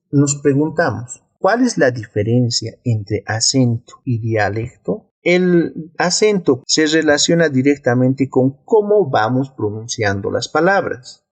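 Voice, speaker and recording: A man with a Bolivian Spanish accent teaches a video lesson step by step, posing rhetorical questions in a clear, steady, didactic delivery. His voice is medium-pitched, and the recording is dry.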